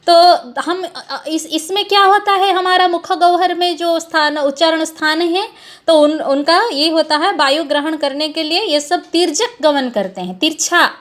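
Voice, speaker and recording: High-pitched female lecturer, halting classroom explainer who demos sounds aloud. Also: fairly bright tone. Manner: explains slowly, with many fillers and self-corrections; demonstrates vowel sounds aloud for students. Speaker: Sanskrit teacher.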